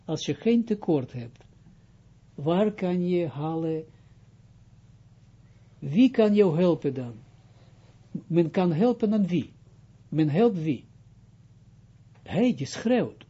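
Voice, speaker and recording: A rabbi gives a loose spoken lesson, often pausing to ask whether his point is clear. His voice sits fairly high but sounds dark and husky. The recording is dull and lo-fi. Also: expressive. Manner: explains with frequent checks like "Duidelijk?" and halting restarts. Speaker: rabbi teaching Kabbalah.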